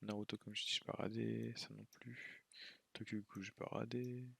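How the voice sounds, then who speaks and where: A man with a low, gravelly, husky voice rambles through a casual tier-list ranking in an offhand, slangy way. He sounds tired late at night. The sound is dry and close. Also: little pitch movement, moderate pace, a bit bright, no room sound. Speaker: YouTuber ranking anime.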